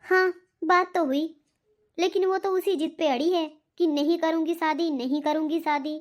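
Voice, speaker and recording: A woman's voice: extremely high pitch, steady tone, moderate pace. A woman voicing an anxious, pleading middle-aged mother in a cartoon. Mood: worried. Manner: pleading, worried. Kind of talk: cartoon voice acting.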